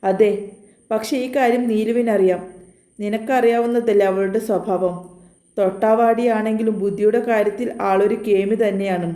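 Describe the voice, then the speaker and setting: A woman voicing a calm young man who explains a rescue plan in a steady, reassuring way. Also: medium pitch, moderate pace, reverberant, natural voice.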